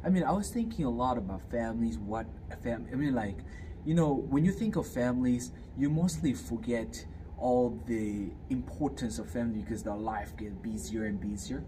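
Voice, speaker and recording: A man in his 20s from Fiji, a student appearing as a guest, responds to interview questions haltingly, full of fillers and restarts. He speaks at normal speed with a medium pitch and dark tone, recorded on a distant mic with clear background noise.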